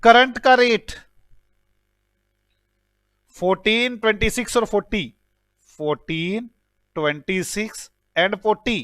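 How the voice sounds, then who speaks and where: High-voiced teasing male teacher. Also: takes it slowly, long pauses, fairly bright tone, no echo, clean studio sound. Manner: teasing, joking with students while calculating aloud; mixes English numbers into Hindi speech. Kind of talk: classroom lecture solving problems.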